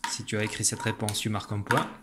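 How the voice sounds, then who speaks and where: A man teaching young children a phonics lesson, saying each sound slowly and carefully. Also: lowish voice, level tone, background noise. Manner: slow, careful, stretched-out pronunciation of sounds. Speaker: primary school teacher.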